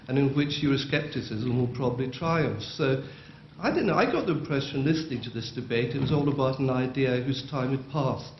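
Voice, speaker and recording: A man's voice: mid-range voice, a little hiss or hum. A man rises from the audience and delivers a long, articulate question laced with dry irony. His voice is carried by a roomy, echoing hall and comes through dull and lo-fi. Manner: articulate, dryly ironic. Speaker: audience member asking a question. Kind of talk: public debate question.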